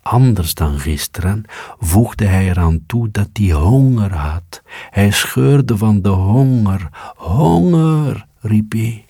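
A man narrates a storybook calmly, in a measured way. His voice is very low and mellow, with a husky grain. He reads slowly in a dry, close sound. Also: no room sound. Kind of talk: storybook reading.

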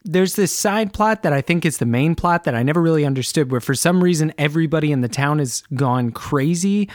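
A man co-hosting a casual chat, animated and laughing often as he retells and acts out song lyrics. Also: a little high, fairly quick, dry recording, clean studio sound. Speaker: podcast co-host.

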